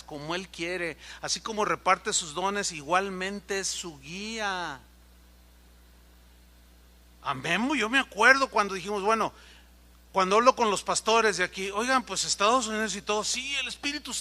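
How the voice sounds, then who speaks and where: A man preaches a sermon with a Mexican accent, in a notably high voice for a man. His tone is piercingly bright, and he tells stories with animation, switching into the voices of the people in them. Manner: animated storytelling, acting out dialogue. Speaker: pastor.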